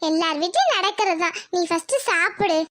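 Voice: very high voice, expressive, fairly quick, background noise. A performer voicing a cheerful young friend comforting her friend in a cartoon. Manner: comforting, upbeat. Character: caring young girlfriend, cheerful.

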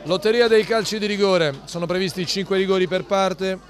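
A man giving live football commentary, dramatic and building to excited goal calls. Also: high-pitched, a little fast. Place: outdoor football ground. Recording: outdoor stadium with crowd and music behind. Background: crowd and music.

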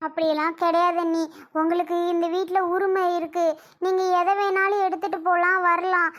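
A performer playing a young wife who keeps apologizing and calming her angry sister-in-law in a family drama skit. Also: very high-pitched, fairly quick. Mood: soothing. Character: pleading young woman, soothing daughter-in-law.

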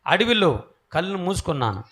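A man giving his life testimony as a preacher, swinging from hushed, quiet passages to loud, emphatic calls to the crowd. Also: high voice, sing-song, normal speed. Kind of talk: testimony sermon.

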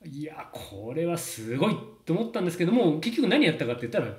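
Chatty guy voice coach, lots of ums and laughs, bouncy pitch, roomy sound. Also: quick pace. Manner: chatty, animated, many fillers and laughs. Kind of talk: casual spoken lesson. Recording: roomy echo.

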